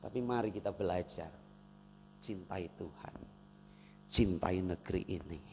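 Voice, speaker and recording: Gravelly-voiced male pastor preaching. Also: low-pitched, measured pace. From Indonesia. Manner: swings from loud emphatic preaching to soft intimate asides. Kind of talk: sermon. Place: church hall. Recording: reverberant church hall, faint noise.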